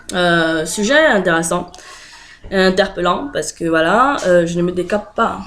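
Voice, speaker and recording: A video blogger with a French accent chats casually to camera in a lowish, fairly bright, expressive voice, taking her time. She sounds hesitant, uses lots of fillers, and laughs often, with a little hiss or hum in the recording.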